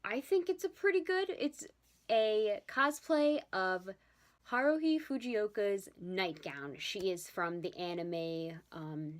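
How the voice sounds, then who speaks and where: A young woman chatting casually in a vlog about her handmade costumes, talkative and often apologizing. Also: fairly low pitch. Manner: chatty, apologetic, yawning at times. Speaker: vlogger showing her handmade cosplays. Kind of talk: casual chat.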